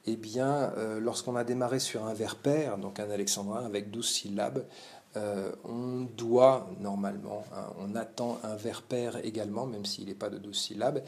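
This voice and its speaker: A man's voice: on the low side, darkish tone. Hesitant man explaining a poem. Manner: hesitant, many fillers and verbal tics. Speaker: literature teacher. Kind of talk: spoken text commentary lesson.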